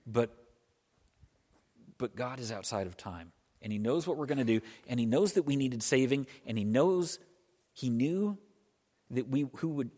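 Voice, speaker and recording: A male pastor gives an easygoing, conversational sermon at a medium pitch. He explains step by step and often circles back to restart a phrase. His voice carries a long reverberant tail from the church hall. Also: darkish tone, slightly rough.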